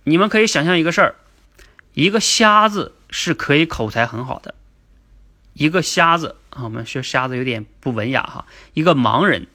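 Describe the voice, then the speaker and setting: Bright-voiced male speaking coach lecturing. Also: on the high side. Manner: explanatory, asks and answers his own questions; repeats key definitions slowly. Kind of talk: livestream lecture.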